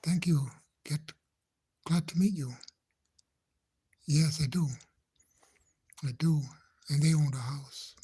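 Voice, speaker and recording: A man livestreaming from a phone indoors at home, chatting gently with viewers in a hushed, halting whisper so no one in the house hears him. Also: a little high, steady tone, breathy edge. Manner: halting, rambling, gentle, nervous. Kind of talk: hushed casual live chat. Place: indoors in a house he shares, speaking quietly.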